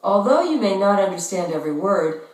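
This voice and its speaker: A woman narrating instructions for a language-course listening exercise in a measured, instructional way, heard from far off in an echoey room. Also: mid-range voice, very animated, darkish tone.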